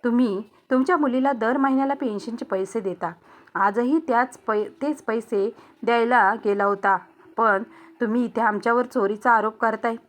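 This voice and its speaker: A young daughter-in-law, hurt yet defiant, speaking up for her family, as a woman storyteller voices her. Her voice sits fairly high and earnest. Read as a spoken storybook tale. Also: normal speed, natural voice. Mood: indignant. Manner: pleading, then indignant.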